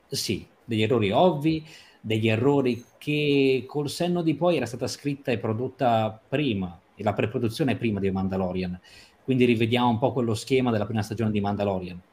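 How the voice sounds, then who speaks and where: A man discussing a TV episode on a livestream, talking emphatically and stretching or rushing phrases for stress. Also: mid-range voice, darkish tone, slight background noise. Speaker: series commentator.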